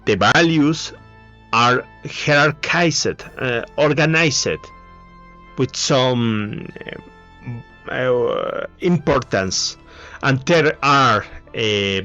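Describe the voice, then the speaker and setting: A man speaking English as a second language with a Spanish accent, giving a halting solo talk full of fillers and restarts. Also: medium pitch, sharp tone. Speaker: video essayist. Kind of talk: casual monologue. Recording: dull lo-fi mic with faint music.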